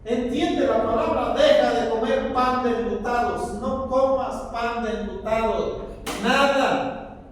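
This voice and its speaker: A man's voice: extremely high pitch, slow pace, slight background noise. A man, preaching a sermon emphatically and asking the listeners rhetorical questions. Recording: very echoey hall, speaker far from mic.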